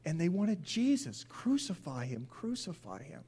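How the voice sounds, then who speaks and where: A pastor delivers a sermon in a fairly high, sing-song voice that is mellow with a breathy edge. He speaks emphatically, pausing deliberately, repeating phrases and putting questions to his listeners.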